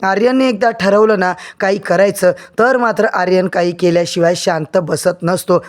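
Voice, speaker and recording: A man's voice: high-pitched, fairly even intonation, moderate pace. A man narrating a drama serial recap, addressing viewers and building suspense.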